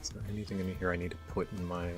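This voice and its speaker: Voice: deep voice, little pitch movement, rapid-fire, soft background music. A person chatting casually while playing an online game on a stream. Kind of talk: casual gaming stream chat.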